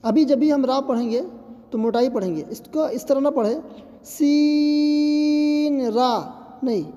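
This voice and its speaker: A woman's voice: on the high side, dark tone. Patient woman tajweed teacher, echoey room. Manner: patient, reassuring explanations; draws out letter sounds in demonstration. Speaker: Quran recitation teacher. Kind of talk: tajweed lesson.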